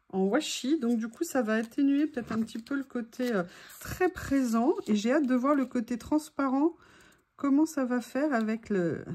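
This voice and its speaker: A woman's voice: high-pitched, darkish tone. A woman chatting casually while making a collage at home, playful and teasing with asides to her dog. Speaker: craft vlogger.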